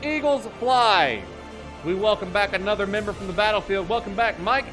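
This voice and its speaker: A high-pitched man in his thirties hosts a live gaming stream with loud, jokey hype. He greets chat by name and now and then drops into a deep mock-spooky voice. Soft music plays faintly behind him. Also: lively intonation, moderate pace. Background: faint game music.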